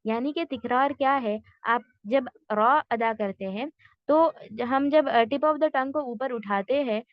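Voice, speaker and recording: A woman teaching a tajweed class online, patiently explaining step by step and slowly modelling sounds. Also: high voice, no room sound, lo-fi sound.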